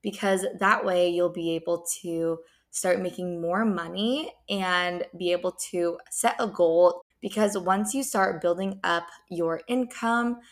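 A young adult woman hosting a podcast of casual advice on her own, recorded in an echoey unfurnished apartment. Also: on the low side. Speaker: podcast host. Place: indoors, unfurnished apartment with bouncing sound. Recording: echoey empty apartment room.

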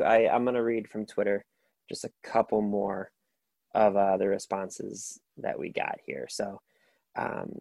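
Alone on his book podcast, this man offers casual recommendations in a warm, lowish voice with vocal fry. He rambles eagerly, leaning on fillers and restarting sentences, and the recording has no room sound.

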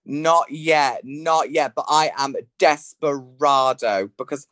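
A man's voice: on the high side, takes it slowly, fairly bright tone, dry recording, studio quality. A man with a British accent in casual comic chat as a guest, cheeky, sweary and full of slang. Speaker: drag performer, interview guest. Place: at home.

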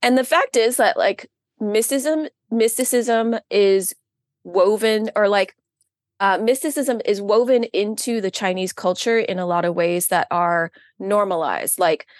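A woman from the United States appears as a podcast guest, a practitioner of witchcraft, chatting casually in an interview. Her medium-pitched voice is unhurried and full of fillers as she rambles earnestly. The studio sound is clean, with no room sound.

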